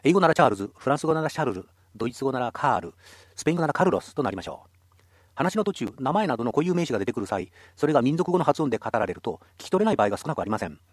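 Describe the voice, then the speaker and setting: A man's voice: mid-range voice, sing-song, very fast, dry recording, studio quality. A man teaching a radio language lesson, explaining patiently and encouraging listeners.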